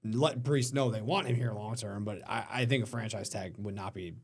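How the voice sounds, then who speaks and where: A man's voice: lowish voice, normal speed, creaky, slightly rough. A man co-hosting a casual sports talk show, joking and sarcastic, often laughing as he talks.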